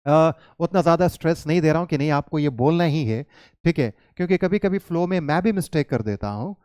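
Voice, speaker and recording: Patient male teacher with a smooth voice. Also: on the high side, fairly quick, a little mellow, dry recording, studio quality. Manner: patient, repeats questions and answers them himself; mixes Hindi with English words. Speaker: English teacher. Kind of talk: explanatory lesson to children.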